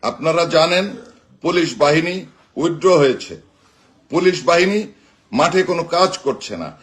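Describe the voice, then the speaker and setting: A man with a Bangladeshi accent delivers a rousing political address to supporters, emphatic and declamatory, in short measured phrases. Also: a little high, expressive. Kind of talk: rousing political speech, live broadcast address.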